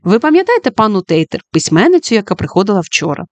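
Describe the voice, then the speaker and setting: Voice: medium pitch, very animated, fast talker, no room sound, lightly acted. A storybook reader voicing a friendly male schoolteacher who shares happy news with his class in an upbeat tone, heard dry and close. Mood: cheerful.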